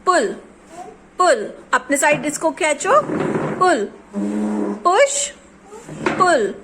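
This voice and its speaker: A woman with a high voice teaches a small child at home, taking her time over each word. She patiently repeats word pairs again and again and slips English words into her Hindi. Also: sing-song, drawn-out words, background noise.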